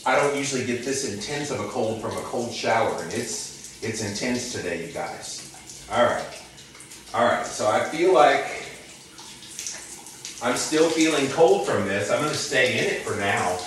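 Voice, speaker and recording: A man chatting calmly and instructively to viewers while standing under ice-cold shower water, stretching and repeating words for emphasis. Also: mid-range voice, normal speed. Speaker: vlogger doing a cold-water challenge. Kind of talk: casual instructional vlog chat. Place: open shower in a hotel bathroom. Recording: echoey bathroom, distant mic, noisy running water. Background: running shower water.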